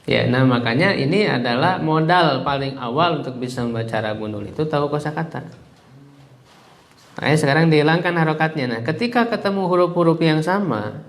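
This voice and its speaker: A man teaching an Arabic class, drilling phrases slowly and leading group repetition. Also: a little high, animated. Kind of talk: classroom lesson. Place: classroom with students.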